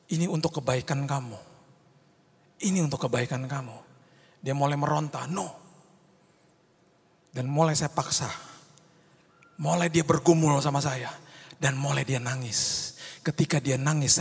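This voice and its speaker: A man's voice: a little high, creaky, slightly rough. A male pastor preaching an impassioned sermon, slipping English phrases into his talk and rising to fervent cries. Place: church hall. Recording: long reverb of a large hall.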